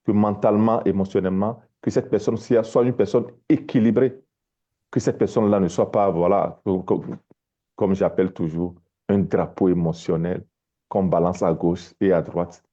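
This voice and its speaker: A man's voice: lowish voice, dark tone, dull audio. A man from Togo, a life coach, giving a motivational talk on a live stream, often repeating words as he searches for them.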